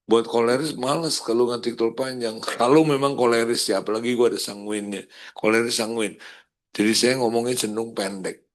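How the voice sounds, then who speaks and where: A man's voice: medium pitch, a little fast. Casual man coaching a group. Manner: casual slangy, animated, acts out example greetings. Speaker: sales coach. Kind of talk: coaching session.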